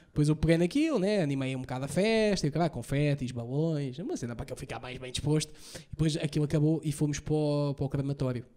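A young man with a European Portuguese accent doing a stand-up set, telling profane stories rapid-fire and acting out the lines he quotes. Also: a little high, dark tone. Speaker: stand-up comedian. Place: comedy stage before a live audience.

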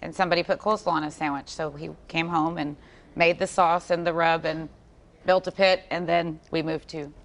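A woman's voice: low-pitched, steady tone, fairly quick. A woman, a barbecue vendor chatting on live TV, sassy and playful as she talks food. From Texas. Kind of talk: casual chat on live TV. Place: outdoors at a festival food stand.

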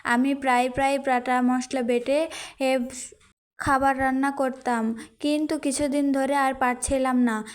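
High-voiced woman telling a personal story. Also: level tone, a little slow. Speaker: narrator. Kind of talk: first-person story narration.

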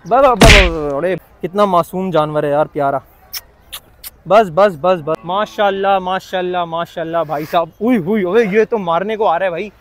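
A man's voice: high-pitched, normal speed. A young man vlogging as he walks through an outdoor cattle market, bantering with sellers and exclaiming at the animals. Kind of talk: walking cattle-market vlog. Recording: crowd noise around. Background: crowd chatter.

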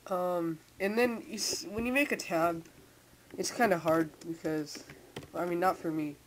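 A young teen with a mid-pitched voice talks through a casual, unscripted computer tutorial. The speech is halting and repetitive, a little impeded by a sore, braced mouth. A faint hiss sits behind the home-mic recording. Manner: halting, repeats words. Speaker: software tutorial maker. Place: indoors at a computer. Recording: hissy, noisy home microphone.

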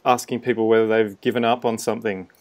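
A man's voice: lowish voice, level tone, fast talker. A man hosting a podcast interview in a casual, chatty style. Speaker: podcast host.

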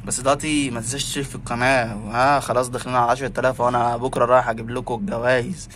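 A man's voice: medium pitch, level tone, rapid-fire, fairly bright tone, slight background noise. A man with an Egyptian Arabic accent vlogging casually and teasing and coaxing his pet fox in a playful way.

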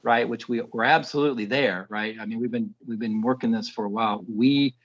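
A man's voice: mid-range voice, steady tone, brisk. A man briefing colleagues over a video call, his mid-range voice coming through muffled and dull. He restarts sentences and leans on "right?" to carry each point along. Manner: restarts, tag questions "right?". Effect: heard over a video call. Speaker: Air Force program leader.

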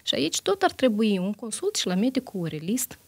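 A woman's voice: on the high side, sing-song, a little mellow, dry recording. A woman internist answering interview questions on a health show, methodical, listing examples with frequent hesitations.

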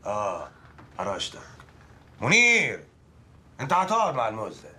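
A man's voice: fairly low pitch, wildly swooping pitch, normal speed, sharp tone, full character voice. An actor playing a brash, mocking male gang member with an Egyptian accent. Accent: Egyptian Arabic.

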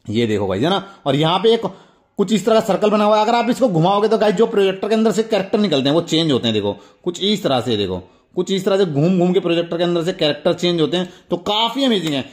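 A man with an Indian accent hosts a casual toy review video, demonstrating toys hands-on and talking straight to viewers. His voice is high-pitched, animated, and fast, and he's chatty and repetitive.

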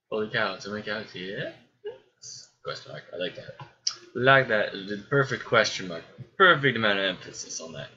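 Slow, bright-voiced man muttering over gameplay. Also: lowish voice, highs cut off. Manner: mutters to himself while building, chuckles often. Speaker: gameplay streamer. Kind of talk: casual gameplay commentary.

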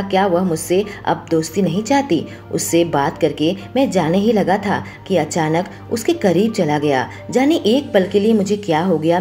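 A woman narrating a romantic audio story as a storyteller, with a steady, expressive reading. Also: on the low side.

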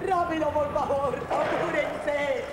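A woman's voice: sits high, takes it slowly, reverberant. An actress with a Cuban accent playing an intense, desperate woman who pleads and swears often, in a film drama. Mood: frantic. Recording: film audio with steady background noise.

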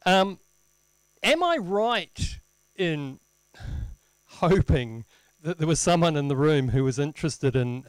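A man presenting an informal live technical demo, halting as he thinks aloud, with wry, self-deprecating humour. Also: a little high, dry recording, low-quality recording. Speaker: presenter at a tech meetup. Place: indoor lecture room, presenting at a screen. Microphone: handheld microphone.

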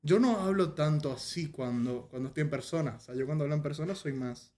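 A man's voice: on the high side, fairly quick, slight background noise. A man from Paraguay with a Paraguayan Spanish accent, hosting a casual chat in a joking, slangy manner. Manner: relaxed, joking, rioplatense slang. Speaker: host.

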